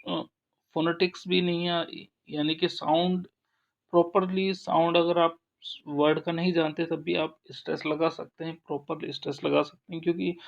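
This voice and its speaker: A man teaching an English grammar lesson, explaining slowly with frequent pauses and restarts. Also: a little high, creaky. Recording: dull lo-fi sound.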